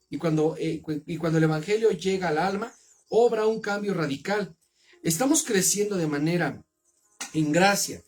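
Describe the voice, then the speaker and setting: A man with a Mexican accent reading the Bible aloud and then preaching on it in an earnest, measured way. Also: sits high, husky.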